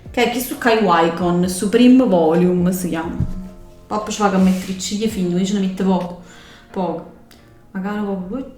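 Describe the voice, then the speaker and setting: A woman's voice: medium pitch, a little mellow. A young woman with a Neapolitan accent chatting casually through a makeup tutorial as she works. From Naples area, Italy. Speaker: beauty vlogger doing her mother's makeup. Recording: roomy echo, music behind.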